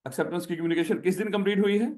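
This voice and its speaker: A man's voice: sits high, rapid-fire, a little mellow. A man with a Pakistani Urdu accent lecturing a class, repeating each question to drill it in and calling his students "my child".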